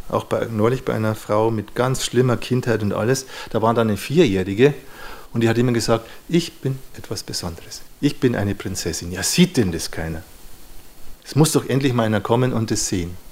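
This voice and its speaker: A man's voice: medium pitch, darkish tone. A man giving a lecture on psychology to an audience, thoughtful and searching for words, with frequent small verbal fillers.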